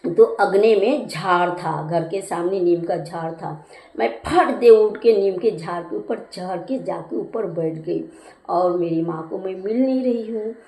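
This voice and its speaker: A woman's voice: fairly low pitch, dark tone, reverberant, rough recording. A woman vlogger telling a childhood story in a homely, chatty way, stopping to explain local words. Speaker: cooking channel vlogger. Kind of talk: casual personal storytelling.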